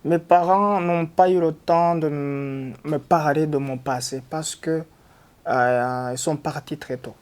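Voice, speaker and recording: A man's voice: fairly high pitch, steady tone, slow pace, a little mellow. A man in his thirties, born in Rwanda and raised in Belgium, who works in IT, speaking hesitantly in an interview. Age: 30s. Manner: hesitant, many fillers. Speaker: IT specialist. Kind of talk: testimony.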